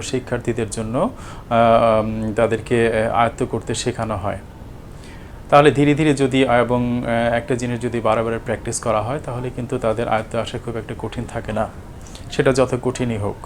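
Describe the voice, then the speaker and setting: Male teacher, mid-pitched, hesitant lecturing, faint background noise. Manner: halting, many fillers and restarts. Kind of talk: explanatory lecture.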